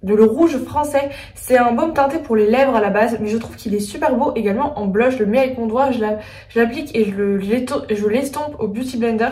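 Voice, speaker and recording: This beauty vlogger has a slightly high, somewhat mellow voice and a quick pace. Doing a casual makeup tutorial, she chats along, reasoning aloud and saying "euh" a lot. The space is echoey, and she is positioned a bit away from the mic.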